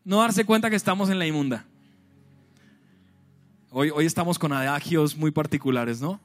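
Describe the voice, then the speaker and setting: A male pastor preaching a lively sermon to a large church congregation, with bursts of shouting and acted-out scenes. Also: a little high, normal speed, soft background music. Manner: animated preaching, shouts and acts out scenes with humor.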